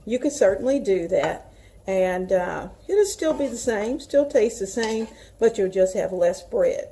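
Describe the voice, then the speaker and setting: With a mid-range, mellow voice that is animated yet measured in pace, a Southern-accented woman from the US South hosts a laid-back home cooking demonstration and chats folksily with her viewers. A little hiss or hum can be heard.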